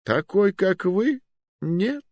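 A man's voice: medium pitch, wildly swooping pitch, a little slow, a little mellow, dry recording, voice pushed up, full character voice. A man voicing an old male wizard magister who is genial, polite and coolly ruthless, with a drawling manner. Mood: mildly cruel. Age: older. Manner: drawling, mild and polite while ordering deaths.

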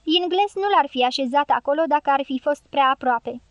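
Bossy, cursing guerrilla matriarch for an audiobook, high and dry, read by a woman narrator. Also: fairly bright tone, no echo, lo-fi sound. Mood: commanding. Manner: commanding, swearing. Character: fierce foul-mouthed middle-aged female guerrilla leader. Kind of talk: audiobook character reading.

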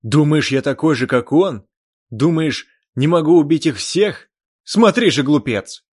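A man voicing a scornful man who goads a comrade with mocking, drawn-out taunts, as an audiobook character voice. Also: fairly low pitch, darkish tone, no room sound, clean studio sound. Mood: indignant.

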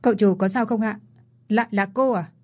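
A woman's voice: mid-range voice, steady tone, brisk, lightly acted. A fretful, servile male secretary, read by a woman. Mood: anxious. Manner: fretful and deferential.

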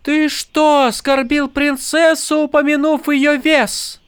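A man reading an audiobook voices a sharp, worldly woman con artist who scolds briskly. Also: a little high, big pitch swings, no room sound, pitched above the performer's own voice. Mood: scolding. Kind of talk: audiobook character voice.

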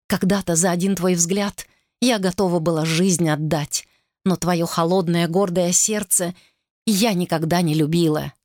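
A woman's voice: fairly low pitch, steady tone, unhurried, darkish tone, no room sound, clean studio sound, close to an everyday voice. A woman voicing a frightened young wife who pleads and cries out in a tense, raised voice, in a storybook reading. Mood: defiant.

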